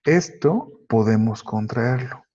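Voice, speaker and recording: Slow, dark-voiced man teaching grammar. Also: mid-range voice, lively intonation, breathy edge. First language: Spanish. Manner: slow, methodical, explains step by step. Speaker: English teacher. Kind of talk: grammar lesson. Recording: dull lo-fi recording.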